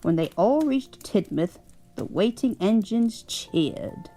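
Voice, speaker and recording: In a cozy scene with faint music behind, a woman voices a kindly elderly English grandmother reading a bedtime story and fussing over her grandchild in a put-on English accent, doting and chuckling. Her mid-range voice swings widely in pitch, slow and dark in tone.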